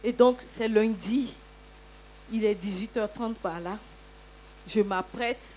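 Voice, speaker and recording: A woman giving a lively church testimony, telling her story with many hallelujahs. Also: medium pitch, slow pace, slight background noise.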